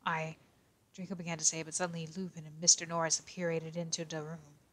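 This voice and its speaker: A reserved teenage boy detective, played by a woman, reads a silly story aloud in a low, level voice. He keeps an almost monotone delivery and stumbles over strange words. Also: fairly quick. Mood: deadpan reading. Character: young male teen detective, quiet and reserved. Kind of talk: in-character reading of a fanfic.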